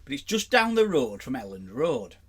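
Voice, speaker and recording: A Yorkshire man from England co-hosts a podcast, swapping pub anecdotes in casual chat and laughing often. His mid-range voice is sing-song and slightly rough, moving at a moderate pace.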